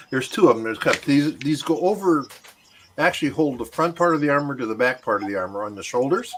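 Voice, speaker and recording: A man's voice: mid-range voice, fairly bright tone, a little hiss or hum. A man chats on a casual livestream, explaining what he is working on. He is talkative and loose, filling his sentences with fillers. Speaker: woodworker guest.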